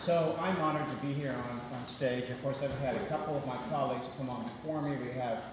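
A man's voice: medium pitch, fast. A man speaking on stage at a conference as interviewer, telling jokes and loose stories. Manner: joking, anecdotal, loose. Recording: echoey hall, noisy.

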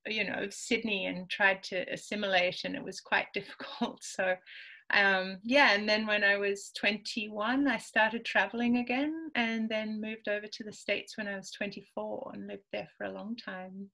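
Her mid-range voice holds a steady tone at normal speed, bright and forceful with some vocal fry. She is a Peruvian author in her forties, a native Spanish speaker, casually interviewed over a webcam call from her home among bookshelves, full of ums and easy laughter.

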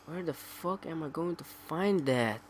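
Man gamer, slow-talking, cursing at the game, steady hiss of noise behind. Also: a little high. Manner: frustrated, swears a lot. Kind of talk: casual gameplay commentary. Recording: noisy, game sound behind.

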